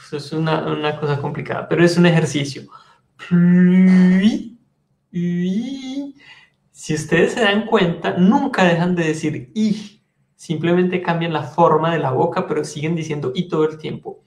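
A man with a Colombian accent teaching French in an online class, patiently explaining and slowly modeling the French sounds. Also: fairly high pitch, expressive, vocal fry, reverberant.

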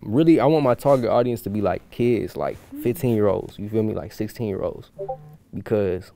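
A man's voice: on the low side, moderate pace, gravelly, warm tone. A young man from Houston, chatting loosely as a guest musician, with plenty of fillers and restarts. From Houston, USA. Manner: rambling, loose, with many fillers. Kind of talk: casual chat.

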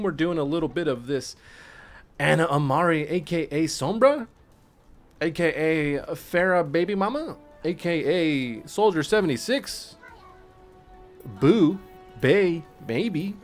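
A man streaming gameplay, commenting casually in slang with swearing, a little tipsy from drinking, and breaking into excited yells during play. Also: fairly high pitch. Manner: laid-back, slangy, swears, bursts into excited yelling at play. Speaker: gaming streamer.

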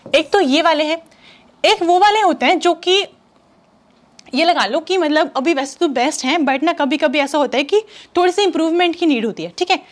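A young woman with a high-pitched voice explains exam preparation to students. She talks in a casual, direct way, often checking that they follow and reassuring them. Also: moderate pace. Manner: chatty, direct, reassuring, addresses students as "you". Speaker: chemistry exam coach. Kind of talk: casual Hindi-English teaching talk.

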